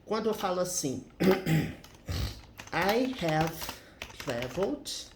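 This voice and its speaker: A man's voice: high-pitched, big pitch swings, drawn-out words, reverberant, background noise. A man teaching English grammar in a casual, chatty way, often adding little tag questions as he explains.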